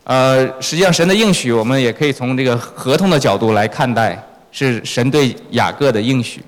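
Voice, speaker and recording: A church sermon interpreter, a man with a mid-pitched voice, speaks a little fast as he renders the preacher's words phrase by phrase for the congregation. The big, reverberant hall gives the audio a long, echoey tail.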